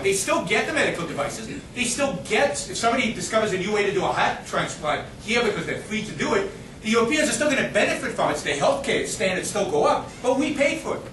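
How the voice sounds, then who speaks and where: His voice sits high and a bit bright: a middle-aged guest speaker from Israel, insistent and restless, answering audience questions. The impassioned Q&A is emphatic and argumentative with frequent restarts, recorded from a distance in an echoey, noisy university lecture hall.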